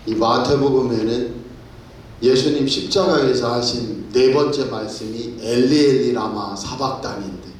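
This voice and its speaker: A man preaching a sermon as pastor, telling a personal story that builds into loud, fervent preaching. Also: medium pitch, slight background noise. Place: church sanctuary. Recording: very echoey hall, mic at a distance.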